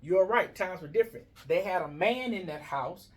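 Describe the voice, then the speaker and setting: A man's voice: high-pitched, animated, moderate pace, breathy edge. An American man in a heated, casual barbershop debate, preaching his point argumentatively and repeating phrases for emphasis.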